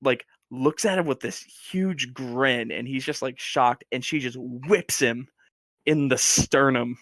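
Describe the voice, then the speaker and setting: A man guesting on a podcast, telling a story in a casual, animated way with lots of fillers. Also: mid-range voice, takes it slowly, no echo, studio quality.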